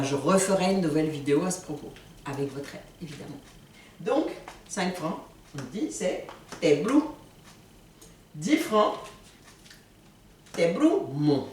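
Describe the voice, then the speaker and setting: A person from Ivory Coast teaching a language in a casual video lesson, slowly repeating words to show how they are said. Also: mid-range voice, a little mellow, far from the mic, slight background noise. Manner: slow, repeats words for pronunciation. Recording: echoey room, voice from off-mic.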